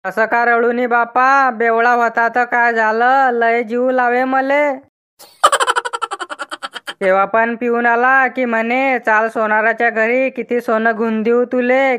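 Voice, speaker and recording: Chatty, lamenting middle-aged village women from a cartoon comedy. They talk with a Vidarbha Marathi accent. The voice is smooth and clear and pitched a little high. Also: female voice, level tone, unhurried, a bit bright, dull audio.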